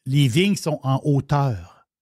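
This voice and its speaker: Taking his time, this Québécois-accented wine columnist speaks in a mid-range, darkish voice with lively intonation during a radio wine segment. The chat is casual, enthusiastic and rambling with frequent restarts, and the clean studio recording has no room sound.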